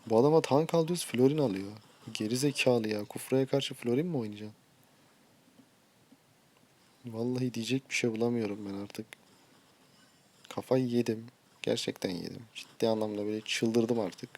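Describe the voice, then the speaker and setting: A man's voice: mid-range voice, warm tone. A short-tempered man streaming a mobile game, giving live commentary and ranting at his teammates.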